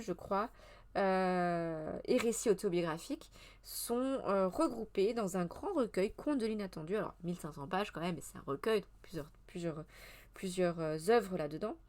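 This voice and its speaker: Une femme d'une trentaine d'années anime une revue de presse culturelle en direct, sur un ton décontracté et bavard. Elle hésite souvent, se reprend en cours de phrase et répond aux messages du chat au fil de la conversation. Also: female voice, mid-range voice. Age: 30s. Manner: chatty and meandering, with many hesitations and self-corrections; answers the live chat as she goes. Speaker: streamer hosting a culture press review. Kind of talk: casual live press review.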